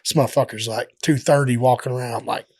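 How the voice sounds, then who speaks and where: A man's voice: medium pitch, fairly even intonation, fast, a little mellow, dry recording. A man, a professional fighter, telling stories as a podcast guest in a rambling, profane way, full of filler words. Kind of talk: casual podcast interview. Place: podcast studio.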